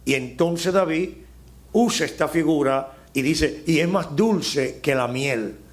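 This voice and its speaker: A middle-aged Dominican man preaching a sermon as pastor, slowing down and rising on key phrases for emphasis. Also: a little high. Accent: Dominican Spanish. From Dominican Republic.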